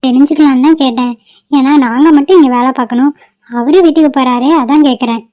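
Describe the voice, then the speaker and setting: Complaining young office worker voiced by a woman in a cartoon, high-pitched and mellow. The audio is dry and lo-fi. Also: steady tone, fast talker, no room sound, natural voice. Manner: complaining, questioning. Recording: dull lo-fi dry recording.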